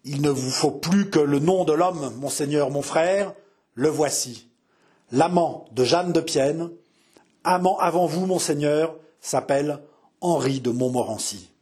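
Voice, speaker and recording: A husky-voiced man voicing a scheming younger noble brother who speaks in a sly, mocking, hissing tone. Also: fairly high pitch, animated, moderate pace, mellow, voice pushed up. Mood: venomous.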